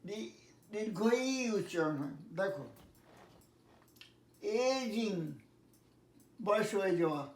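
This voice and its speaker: A man teaching English pronunciation, spelling words letter by letter and repeating each one slowly. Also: sits high, far from the mic. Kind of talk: pronunciation lesson. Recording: echoey room, voice from off-mic.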